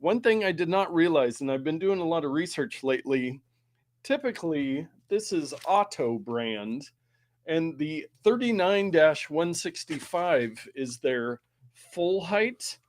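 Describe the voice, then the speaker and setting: A man's voice: fairly high pitch, animated, measured pace. A man hosting a tech podcast in casual chat, chatty and going into detail. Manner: chatty, detailed, explains at length. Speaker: podcast host. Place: Pacific Northwest.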